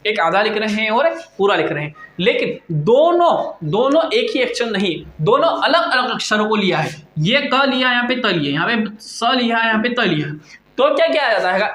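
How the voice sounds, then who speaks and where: A man's voice: sits high, a bit bright. A male teacher giving a lecture, asking questions and answering them himself. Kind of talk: classroom lecture. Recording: echoey room.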